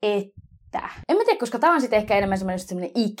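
A woman's voice: mid-range voice, very animated. A young woman co-hosting a casual podcast chat, easygoing and agreeable, laughing along. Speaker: podcast co-host.

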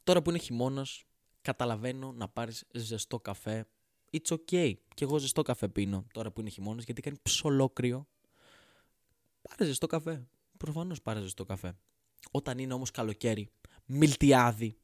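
Exasperated male comic ranting sarcastically, swearing freely; mid-pitched voice, dry close sound. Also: animated, a little mellow, no room sound. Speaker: comedian ranting to camera. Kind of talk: comedic rant.

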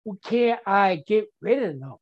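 A man's voice: high-pitched, lively intonation, unhurried, muffled recording. A man sharing at a twelve-step recovery meeting, stuttering and repeating words in simple, earnest phrasing.

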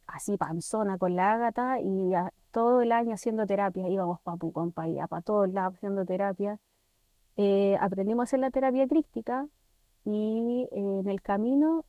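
A woman's voice: mid-range voice, dry recording, dull audio. A middle-aged woman with a Chilean accent, telling her story as a guest in a casual conversation and acting out the dialogue she remembers. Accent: Chilean Spanish. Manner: animated, acts out remembered dialogue.

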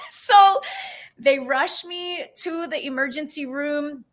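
A woman from San Francisco tells her life story as a podcast guest, taking her time over each point. Her voice is bright and sits somewhat high. She livens her stories by acting out the people in them. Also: takes it slowly. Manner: lively, animated storyteller who acts out voices. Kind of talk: storytelling interview answer.

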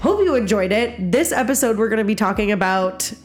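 Woman, stuffed-up nose, raspy, informal podcast chat, giggly. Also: animated, a little fast, faint music behind. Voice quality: low, raspy. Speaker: podcast host, social worker. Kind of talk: casual chat.

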